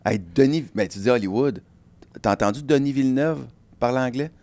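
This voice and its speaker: A man's voice: medium pitch, a little mellow, no room sound. A man with a Québécois French accent hosting a podcast, chatty and joking with his guest. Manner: chatty, joking, quick to laugh. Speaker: podcast host. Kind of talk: casual podcast interview.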